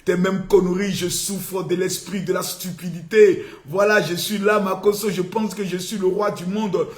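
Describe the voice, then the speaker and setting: Shouting, high-voiced man taunting on a live stream. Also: steady tone, moderate pace, faint music behind. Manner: loud taunting mock-scolding, often shouting. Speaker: livestream host. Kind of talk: mocking satirical live commentary. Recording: echoey room with faint noise.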